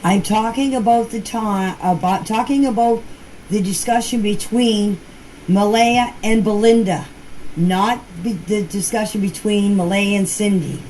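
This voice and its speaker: A woman with a mid-range, darkish voice speaks a little slowly in casual group-chat voice clips answering questions. She's emphatic, often repeating herself, and her grammar is colloquial and non-standard; the recording is noisy.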